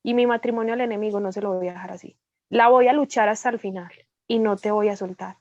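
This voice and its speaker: A woman with a Colombian accent giving a lively testimony as a guest speaker, acting out the dialogue as she tells it. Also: mid-range voice, quick pace, no echo, dull audio. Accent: Colombian Spanish. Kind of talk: testimony in a prayer meeting.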